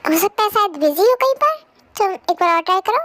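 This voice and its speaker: A caring middle-aged mother-in-law who keeps fussing and worrying, played by a woman. The voice is very high, with a dry, close sound. It comes from a fan audio drama dub. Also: lively intonation, fairly quick, fairly bright tone, no echo. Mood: worried. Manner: fussing and anxious.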